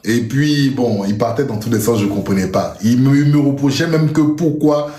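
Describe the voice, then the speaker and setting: A man from Côte d'Ivoire with an Ivorian accent, hosting a live audio panel in a relaxed, chatty way. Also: medium pitch, moderate pace, reverberant. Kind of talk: casual live chat.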